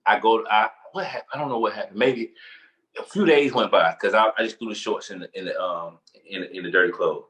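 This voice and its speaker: Animated man telling a story. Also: on the low side, brisk, rough recording. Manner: animated, repeats phrases, laughs while telling. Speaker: podcast co-host. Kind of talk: casual storytelling chat.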